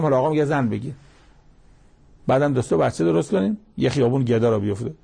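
A man's voice: a little high, vocal fry, warm tone, husky. A male preacher giving a colloquial sermon that explains scripture, telling anecdotes and breaking into emphatic exhortations.

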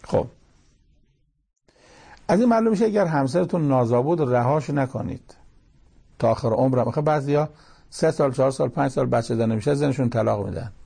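A man's voice: medium pitch, expressive, creaky, pauses often, dark tone, husky. A man giving a religious lecture, explaining verses in a plain conversational teaching manner with quoted asides. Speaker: cleric.

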